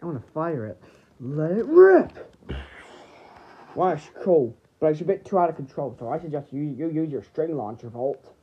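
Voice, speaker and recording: A woman playing with toys and voicing a battle, shouting attack calls and then dropping to quiet murmurs. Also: sits low, brisk, few pauses, breathy edge, dull audio. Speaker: toy show performer. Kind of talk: acting out a toy battle.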